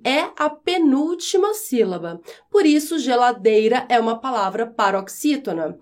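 A woman teaching a podcast language lesson, explaining slowly and clearly and spelling out syllables one by one. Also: high-pitched. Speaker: Portuguese teacher.

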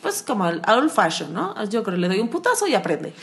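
A woman's voice: mid-range voice, big pitch swings, brisk, gravelly. Mexican woman co-host, casual, blunt and slangy, young adult. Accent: Mexican Spanish. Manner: frank, slangy, laughs often. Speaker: podcast co-host. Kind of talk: casual chat.

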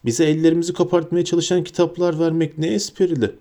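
A man's voice: a little high, little pitch movement, fast talker, warm tone, voice pushed up, natural voice. A man voicing an arrogant, spoiled rich schoolboy who talks in a mocking, sarcastic way.

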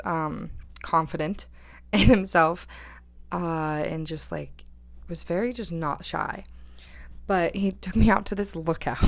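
Chatty young woman, gravelly low voice. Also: no echo. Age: 20s. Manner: chatty, lots of "like", laughs while telling. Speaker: storyteller. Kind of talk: casual storytime.

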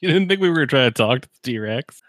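A man's voice: medium pitch, expressive, fairly quick, no echo. A man chatting casually as a tabletop game player, with a dry, joking manner.

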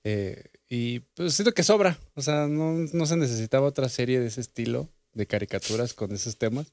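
A man hosts a podcast in casual chat, teasing his co-hosts with quick slangy banter. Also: medium pitch, animated, a little mellow, no echo.

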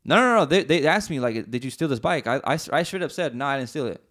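A man's voice: fairly high pitch, expressive, fast, fairly bright tone. A man telling a long story in casual chat, rambling and slangy, swearing often, with many restarts. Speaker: podcast co-host.

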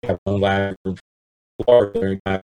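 A man's voice: sits low, little pitch movement, measured pace, mellow, clear, resonant tone. A man explaining things in an interview over a remote call, rambling with fillers, while his audio breaks up from a dropping connection. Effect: choppy, breaking-up call audio from a dropping connection. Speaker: company representative guest. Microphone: remote video call.

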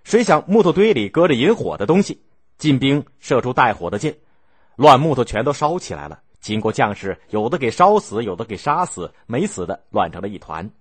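A man telling a history story in a lively, expressive way, acting out the scenes. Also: medium pitch, a little fast, breathy edge, no echo.

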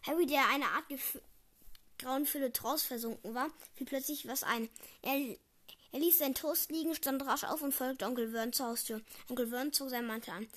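A woman's voice: high voice, fairly even intonation, normal speed, a bit bright. A young girl reading a novel aloud, often stumbling over words and correcting herself. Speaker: reader.

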